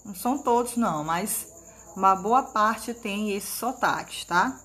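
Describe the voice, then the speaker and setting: A patient woman teacher with a Maranhão accent explains things slowly and clearly to children. She checks in often to keep the class with her. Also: medium pitch, animated, a bit bright. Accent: Maranhão Brazilian Portuguese. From Maranhão, northeastern Brazil.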